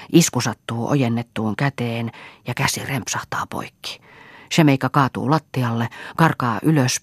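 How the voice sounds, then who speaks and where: A man reading a novel aloud as an audiobook narrator, in a measured, dramatic storytelling manner with soft, half-whispered asides. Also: medium pitch, slightly rough, dry recording, studio quality. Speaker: audiobook reader. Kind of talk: scripted narration.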